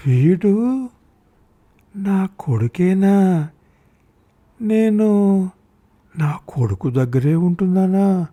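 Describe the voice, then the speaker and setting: A man voicing a gentle, forgetful mother past eighty, with slow, wavering speech full of confused questions. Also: high voice, lively intonation, voice pushed up, heavily acted. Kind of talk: audiobook story reading.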